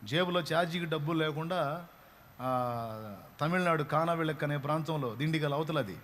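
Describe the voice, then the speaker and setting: A man preaching a sermon, telling a story dramatically and rising to loud, fervent proclamations. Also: a little high, steady tone, moderate pace, slight background noise.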